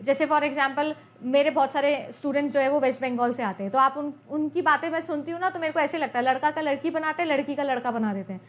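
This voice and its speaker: With few pauses, a woman speaks quickly at a high pitch through a talkative exam-prep lesson. She mixes in Hindi and English terms, often repeats what she has said, and asks her students questions throughout.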